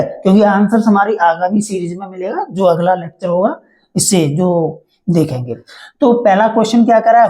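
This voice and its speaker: A man's voice: sits high, mellow, rough recording. A male teacher giving a class lecture, asking and answering his own questions and repeating key words to drill them in.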